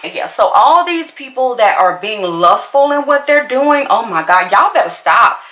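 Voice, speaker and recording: In her home bedroom, a forties-aged YouTuber applies makeup and sasses back at a commenter, saying things more than once to drive them home. A fixed camera on her desk captures her. She speaks a little slowly in a fairly high, expressive voice with a sharp tone, and the room is reverberant.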